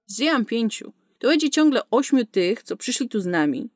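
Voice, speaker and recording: A woman's voice: a little high, very animated, moderate pace, no room sound, clean studio sound. A woman voicing a foul-mouthed, sarcastic young female space smuggler in a storybook reading. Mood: brash. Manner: cursing, sarcastic, tough.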